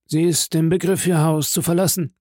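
A man's voice: a little high, level tone, normal speed, a little mellow, no echo, clean studio sound, voice pushed up, natural voice. A man voicing a dutiful male steward, reporting briefly and respectfully in a raised voice.

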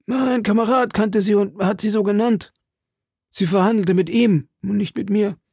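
A man's voice: sits high, fairly even intonation, normal speed, creaky, a little mellow, slightly rough, no room sound, clean studio sound, pitched above the performer's own voice, exaggerated voice. A man voicing a wounded, frightened soldier and hired assassin who pleads and stammers, weak from blood loss. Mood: fearful. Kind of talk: audiobook character reading.

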